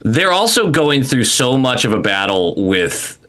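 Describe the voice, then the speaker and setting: A man co-hosting a sports podcast in casual chat, animated and quick to laugh, often restarting his sentences. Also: medium pitch. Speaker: podcast co-host.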